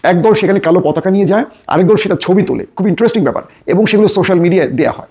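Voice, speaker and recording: A man talks urgently to his viewers, warning them and pressing them to act. His voice is high and a little husky. He keeps a brisk pace throughout. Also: darkish tone. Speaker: online commentator. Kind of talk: solo video commentary.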